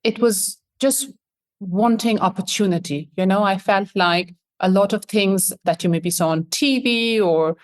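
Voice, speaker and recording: A woman's voice: mid-range voice, measured pace. A woman in her thirties from Pakistan, an admissions consultant answering interview questions in a friendly, reflective way.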